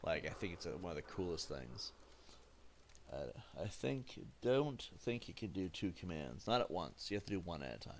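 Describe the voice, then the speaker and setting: With a low-pitched voice at a moderate pace, this man from the United States, in his thirties, streams a game and talks casually. His chat wanders, full of fillers and corrections of himself, over steady background noise.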